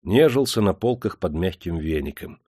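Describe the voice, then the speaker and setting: A man narrating an audiobook in expressive, measured storytelling. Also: low voice, breathy edge, no echo, clean studio sound. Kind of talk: scripted narration.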